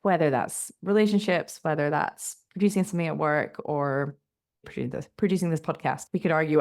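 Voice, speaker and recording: A woman's voice: medium pitch, darkish tone. A woman hosting her own podcast, talking in a chatty, upbeat way with lots of filler words. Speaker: podcast host. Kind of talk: casual solo podcast chat.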